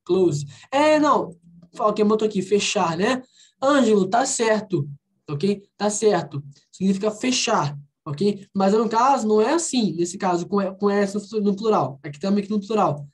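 A woman with a Brazilian accent runs an online English lesson over a computer mic. Her voice is soft and breathy, and she drills each word slowly and patiently. She sits at a mid pitch that is typical for a woman. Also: lively intonation. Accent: Brazilian Portuguese. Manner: patient, repeats words slowly to model pronunciation. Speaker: English teacher. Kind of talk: online language class. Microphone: computer mic on a video call.

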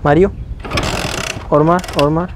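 Chatty high-voiced man demoing a bike trick. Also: steady tone, unhurried, heavy background noise. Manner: chatty, addresses viewers as brother and guys, repeats urgent commands. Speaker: vlogger. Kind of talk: casual hands-on demo vlog.

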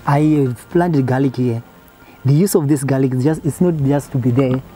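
Earnest man, dark voice. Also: medium pitch, moderate pace, soft background music, poor audio. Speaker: farm worker. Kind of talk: explaining in an interview. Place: outdoors in a garden.

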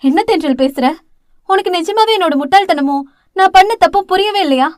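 Woman reader as a grieving older sister, tearful and self-accusing, high voice, close dry read. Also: fairly quick, dry recording. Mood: anguished. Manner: tearful, pleading, self-blaming. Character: guilt-ridden young woman, anguished elder sister.

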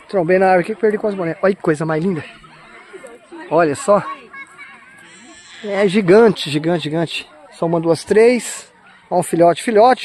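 His voice sits high and a little mellow as this southern Brazilian vlogger narrates his zoo visit, speaking Portuguese with that regional accent. Holding his phone while walking past outdoor enclosures, he chats excitedly to viewers and exclaims in awe, while the noisy recording carries outdoor ambience and animal sounds.

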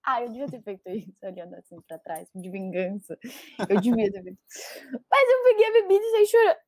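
Brief: young woman, high bright voice, chatty storyteller with lots of laughs, dry close sound. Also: fairly quick, no echo. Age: young adult. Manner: animated, laughs often, many fillers. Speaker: guest storyteller. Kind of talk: casual storytelling.

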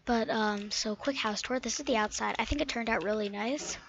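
A woman commenting live while she plays a building game, halting and thinking aloud, recorded on a dull lo-fi mic with keyboard clicks behind her. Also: a little high, a bit bright, slight background noise. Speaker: gaming channel host.

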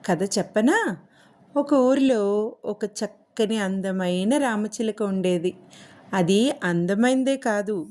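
A woman telling a moral story to children, addressing them directly in a slow, caring way. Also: medium pitch, warm tone. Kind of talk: moral story read aloud for kids.

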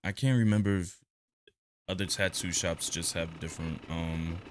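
A young man giving relaxed, slangy commentary while playing a video game. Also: deep voice, normal speed, a little hiss or hum. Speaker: gaming youtuber. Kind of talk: casual gameplay commentary.

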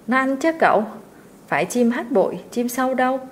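A woman's voice: a little high, lively intonation, fairly quick, a little hiss or hum, pitched above the performer's own voice, close to an everyday voice. Woman doing a timid poor servant boy. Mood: eager. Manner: pleading, earnest.

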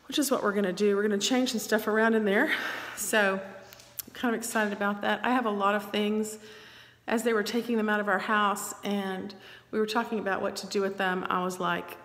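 A woman's voice: mid-range voice, fairly bright tone. A middle-aged woman chatting casually through a home video tour, rambling and laughing often, her voice echoing in a bare room. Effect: long echo in a bare room under renovation. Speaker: vlogger. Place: her bedroom during home renovation, indoors. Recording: echoey room with long reverb.

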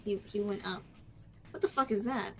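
A woman's voice: mid-range voice, moderate pace, a little mellow, faint music behind. A woman co-hosting a let's-play, making tired, wry, swearing remarks with laughs. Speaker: co-host of a let's-play show. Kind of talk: casual game commentary.

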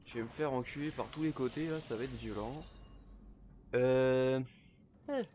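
A young man giving casual, profane commentary while playing a horror game, joking and often shouting. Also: mid-range voice, unhurried, muffled recording, a little hiss or hum. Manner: swearing, jokey, bursts of shouting. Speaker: gameplay commentator. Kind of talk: let's play commentary.

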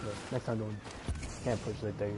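A man's voice: fairly low pitch, flat delivery, normal speed. A man with a hyped gamer-bro manner, giving slangy, repeated callouts to teammates in casual game chat. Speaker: online team gamer. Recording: game voice chat with background noise.

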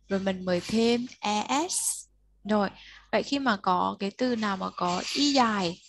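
A woman's voice: mid-range voice, a little hiss or hum. A woman tutoring a child one-on-one, patiently explaining step by step and prompting the learner to answer. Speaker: English tutor.

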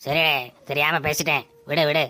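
An actor as a bossy village landlord, bright flat voice. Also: mid-range voice, moderate pace, slight background noise, lightly acted. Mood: placating. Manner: scolding, commanding. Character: bossy male village landlord, gruff, quick to accuse. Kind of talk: village comedy skit.

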